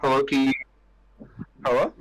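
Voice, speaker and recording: A man's voice: mid-range voice, normal speed, a crowd in the background, rough recording. A man calling in over a voice chat whose audio keeps cutting out, with clipped, chopped-off endings. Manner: relaxed, excited about his team. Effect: choppy voice-chat audio with cut-off endings. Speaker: esports team representative calling in. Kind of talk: casual voice-call chat.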